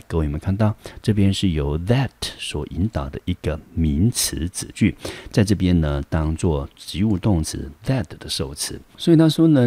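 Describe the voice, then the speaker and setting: A man with a Taiwanese Mandarin accent, a high school English teacher giving a patient classroom lecture, translating and reading English lines slowly. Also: darkish tone, no echo. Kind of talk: classroom lecture explaining a textbook.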